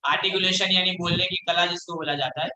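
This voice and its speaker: Male lecturer, high and bright, flat delivery, reads slowly and explains in Hindi, echoey room. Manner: reads English lines slowly from the text, then explains them in Hindi. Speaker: college lecturer. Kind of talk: classroom lecture mixing Hindi and English.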